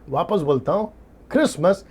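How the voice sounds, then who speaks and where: A man's voice: a little high, lively intonation, unhurried, a little mellow, husky. A male preacher teaching in a sermon style, emphatic, asking rhetorical questions and repeating his key points. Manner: mixes English words into his speech; rhetorical questions, occasional laughs.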